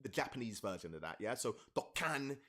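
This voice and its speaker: Very animated and brisk, this man speaks in a medium-pitched, slightly bright voice. He's a rapper streaming live with a webcam setup, eagerly going over his own lyrics, counting out syllables, and thanking people in the chat.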